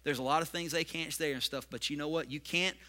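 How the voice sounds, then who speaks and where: A man preaching a sermon as pastor, with repetitive points that build to loud emphasis. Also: a little high, fairly even intonation, fast.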